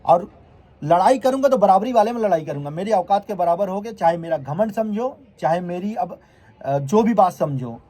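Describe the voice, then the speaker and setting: A man's voice: high voice, lively intonation, normal speed, dark tone. A vlogger who is a man, delivering a heated, confrontational rant straight to his viewers and repeatedly scolding his critics.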